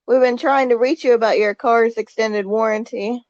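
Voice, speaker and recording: A woman talking through a doorbell speaker, pranking her partner in a deadpan, mock-formal telemarketer manner. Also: a little high, normal speed, dry recording, dull audio.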